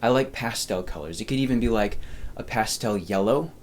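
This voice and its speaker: A man's voice: fairly low pitch, a little fast, a little hiss or hum. A male podcast host giving casual, chatty style advice, talking straight to the viewer with upbeat, self-deprecating asides.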